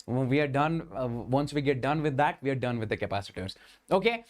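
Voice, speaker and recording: A man's voice: mid-range voice, expressive, brisk. A man from Kashmir with a Kashmiri Indian accent, teaching a live online class and often checking in with his students with short tag questions. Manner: repeatedly checks in with okay and understand. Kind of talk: live lecture, addressing students.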